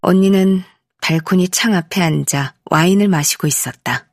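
A woman narrating a first-person literary audiobook in a measured, expressive way, in a studio. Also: on the low side, dry recording. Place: recording studio. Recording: dry studio.

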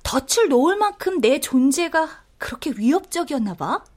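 A woman's voice: sing-song, normal speed, noisy background. A woman voicing a cheeky young female lecturer who needles her rival in a voice drama. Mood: mocking. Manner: teasing, needling, turns to shrill panicked shouting.

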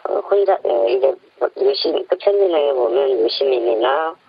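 A man heard through a voice changer that shifts his pitch to hide who he is, so the voice swings widely and grinds with heavy fry. He comes over a muffled phone line with no room sound, and his answers are halting, full of fillers and restarts. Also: huge pitch swings, no echo. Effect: anonymizing voice changer, pitch altered. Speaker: anonymous informant on the phone. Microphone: telephone.

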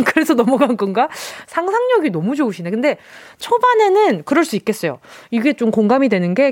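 Young woman radio host, high voice that jumps all over, dry close studio mic, playful and theatrical. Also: no echo. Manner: animated, theatrical, reads listener texts aloud. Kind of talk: playful radio quiz hosting. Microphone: studio microphone.

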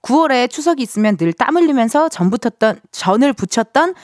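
A woman radio DJ chatting casually and playfully in a studio, expressive and self-teasing as she hosts. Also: fairly high pitch, a little fast, no room sound. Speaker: radio DJ, show host. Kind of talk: casual chatty radio hosting, reading listener messages.

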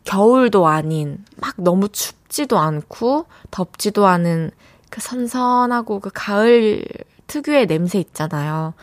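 This young radio presenter takes her time, speaking with animation at a medium pitch. Listener texts get read aloud and met with warm, chatty reactions, all through a studio mic free of room sound.

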